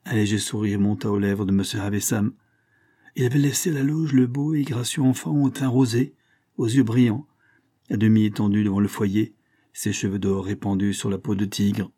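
Mellow, husky male storybook narrator. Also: on the low side, steady tone, normal speed. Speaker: audiobook narrator. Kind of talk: scripted narration.

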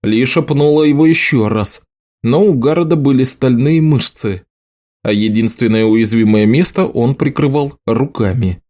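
A man narrating an audiobook in a steady storytelling delivery. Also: medium pitch, normal speed. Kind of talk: scripted narration.

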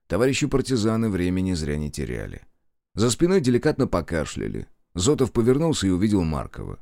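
A man narrating an audiobook in a measured, expressive storytelling manner. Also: low voice, gravelly, dry recording, clean studio sound. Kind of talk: scripted narration.

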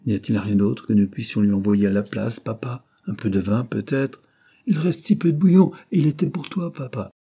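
A man voicing a gentle, devoted young married daughter who speaks softly and pleads with worry. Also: lowish voice, moderate pace, slightly rough. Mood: worried.

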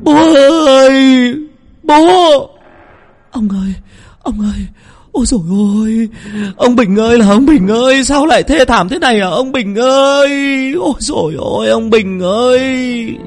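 A man's voice: very high-pitched, lively intonation, unhurried, voice pushed up, full character voice. A man voicing a grieving village mother who keens and sobs over her drowned husband in a spoken ghost story. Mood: wailing. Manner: keening, sobbing cries.

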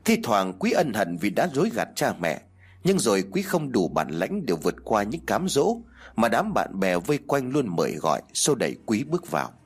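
A male narrator reads a ghost story with a husky, breathy tone. His intonation rises and falls with feeling, measured and expressive. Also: fairly low pitch.

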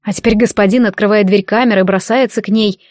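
Steady woman audiobook narrator, dry close sound. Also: mid-range voice, fast, no room sound. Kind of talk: scripted narration.

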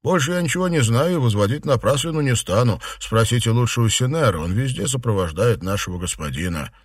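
A man's voice: medium pitch, animated, quick pace, breathy edge, no room sound, clean studio sound, voice pushed up. A man voicing a cautious, obedient male gatekeeper servant answering his mistress deferentially and evasively.

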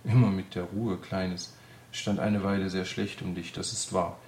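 A small, brisk female nurse speaks firmly and soothingly, as a male reader puts her on. The voice is lifted a little yet keeps a gravelly edge. The sound is roomy. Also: low voice, level tone, a little mellow, slight background noise. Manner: firm, soothing. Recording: roomy echo.

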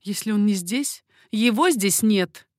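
A woman's voice: medium pitch, expressive, a little slow, darkish tone, no echo, studio quality, lightly acted. A woman voicing an anxious young baroness in an audiobook, pleading urgently.

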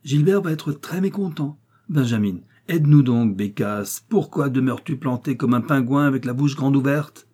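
A man's voice: medium pitch, moderate pace, hardly any pauses, warm tone, breathy edge, pitched above the performer's own voice, natural voice. A man voicing a fussy, talkative old woman who scolds her maid, in an audiobook reading. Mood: scolding. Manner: scolding, exclamatory. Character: chatty fussy old lady, bossy mother.

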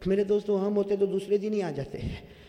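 A middle-aged man preaching a sermon in a mosque, pressing the crowd to call back answers and swinging from loud calls to low asides. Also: little pitch movement. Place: mosque prayer hall. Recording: echoey hall with long reverb.

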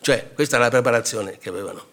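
An older man speaks at a book presentation, telling a story in a halting, unpolished way. He often restarts sentences and breaks off mid-word, then reads passages from a war diary aloud. His voice sits at an ordinary middle pitch. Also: a bit bright.

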